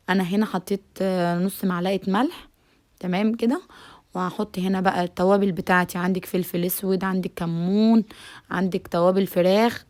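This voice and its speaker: A woman's voice: medium pitch, darkish tone. A woman with an Egyptian Arabic accent hosting a home cooking tutorial, chatty and addressing viewers directly, often saying "okay". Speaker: cooking channel host.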